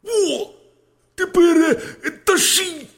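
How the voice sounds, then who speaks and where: A man's voice: extremely high pitch, very slow, creaky, fairly bright tone, voice pushed up, full character voice. A man voicing a greedy male wolf in a storybook tale, mumbling and stammering. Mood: growling. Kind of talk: storybook narration.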